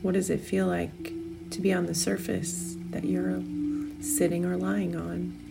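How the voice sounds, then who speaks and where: A woman guides a meditation in a fairly low voice with heavy creak at the edges. She speaks very slowly and soothingly, leaving long pauses between her gentle instructions. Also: level tone, over loud music.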